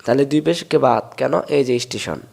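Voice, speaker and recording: A man from Bangladesh, teaching Quran reading step by step and drawing out sounds slowly to show them. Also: medium pitch, animated, vocal fry, a little mellow. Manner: explains step by step, drawls sounds slowly to demonstrate. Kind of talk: recitation lesson.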